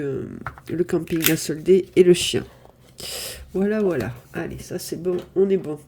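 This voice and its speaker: A woman's voice: on the low side, mellow, slight background noise. A woman from southern France with a stuffy nose from a cold, chatting casually through her budget and thinking aloud over the sums with many apologies. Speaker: budget vlogger. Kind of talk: casual budget diary chat. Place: apartment at home.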